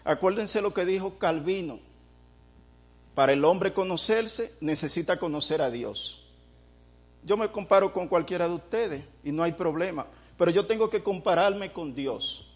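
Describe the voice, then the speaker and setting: A male preacher giving an impassioned sermon, swelling into loud prayers and putting rhetorical questions to the congregation. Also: sits high, expressive, normal speed.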